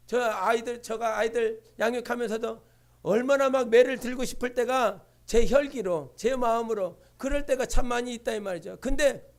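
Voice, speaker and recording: A male pastor giving an impassioned Sunday sermon in a church, asking rhetorical questions and repeating refrains. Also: extremely high pitch. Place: church sanctuary.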